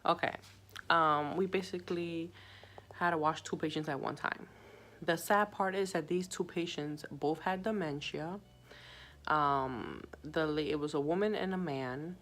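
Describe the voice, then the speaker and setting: A woman's voice: low voice, a little slow, a bit bright, low-quality recording. A young woman who works as a hospital sitter, telling a story in a chatty, subdued way with many fillers and recording on her phone. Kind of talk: casual story-time vlog.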